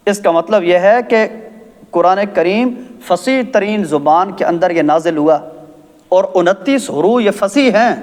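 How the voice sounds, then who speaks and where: A male Quran recitation teacher with a Pakistani Urdu accent and a fairly high voice, drawing out each word as he demonstrates. He keeps checking that his listeners follow along. His voice carries a long reverb, as if he were in a hall. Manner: drawn-out demonstrations, frequent "theek hai?" checks. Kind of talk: tajweed lesson with chanted recitation.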